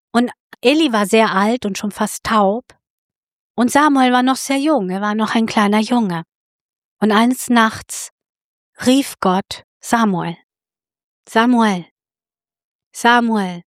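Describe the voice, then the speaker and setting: A woman's voice: a little high, no echo, studio quality. A woman preaching a sermon, telling a story and appealing directly to her listeners.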